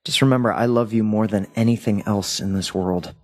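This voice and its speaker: In an audio play, a man portrays a recently deceased husband who is loving, wistful and scared. His lowish voice is steady and fairly quick, close to everyday speech, and his delivery is tender, earnest, sentimental and hesitant.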